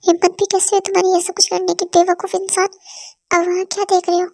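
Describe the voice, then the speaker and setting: A fiery young wife who scolds in rapid, insult-packed tirades, as a woman voices her for a fan-dub drama. The voice sits very high and barely moves in pitch. It is recorded close and dry, with no room sound. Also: completely flat delivery, darkish tone, dry recording. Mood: scolding. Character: young wife, hot-tempered, scolding and scornful.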